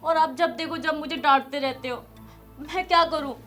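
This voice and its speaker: A meek, pleading housemaid. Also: female voice, high voice, steady tone, moderate pace, a bit bright, soft background music. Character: humble young female housemaid, hurt but firm. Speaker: maid. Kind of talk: short film acting.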